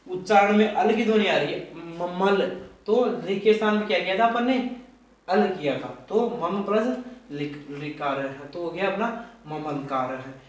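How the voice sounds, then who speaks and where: A male teacher giving a grammar lesson, repeating points and quizzing the class with questions. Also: high-pitched. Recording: echoey room, mic far off.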